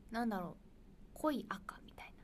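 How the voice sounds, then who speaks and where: A young idol with a Kansai accent hosts a casual livestream, chatting brightly and answering viewer comments at normal speed. Her fairly high, expressive voice often drops into soft, near-whispered asides.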